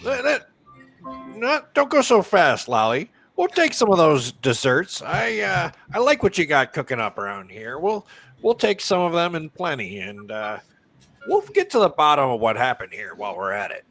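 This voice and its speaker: A man's voice: on the high side, huge pitch swings, moderate pace, fairly bright tone, soft background music, exaggerated voice. A man doing sly, folksy adventurer cook Grumblegut. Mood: eager. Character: smooth-talking male adventurer cook, Grumblegut.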